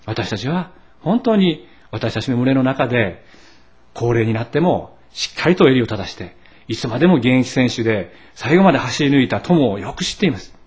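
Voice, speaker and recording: A man's voice: medium pitch, moderate pace. A middle-aged Japanese man preaching a sermon as pastor, telling stories with asides and asking the congregation questions. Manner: animated storytelling with asides and rhetorical questions.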